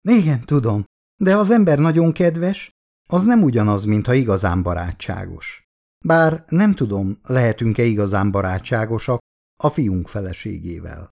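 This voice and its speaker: A man's voice: lowish voice, animated, vocal fry, a little mellow. Man voicing a fretful affectionate middle-aged wife. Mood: fretful chatter. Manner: chatty, anxious, coaxing.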